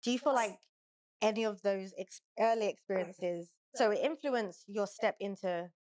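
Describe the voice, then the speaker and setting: A woman's voice: mid-range voice, moderate pace, a little mellow. A female podcast host asking probing follow-up questions and murmuring brief agreement. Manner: probing questions, frequent short backchannel murmurs. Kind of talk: casual interview talk.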